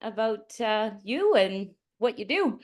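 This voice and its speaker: A woman's voice: mid-range voice, big pitch swings, slow. A woman hosting a livestream interview, upbeat and enthusiastic as she welcomes her guest. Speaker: host.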